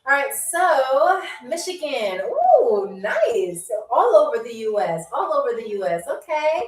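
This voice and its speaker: This New York woman runs a trivia game show streamed live from an echoey room in Albania, laughing a lot and reading out viewer comments as she chats. She speaks in a high, very animated voice, a little slowly, with the mic distant and her voice somewhat off-axis.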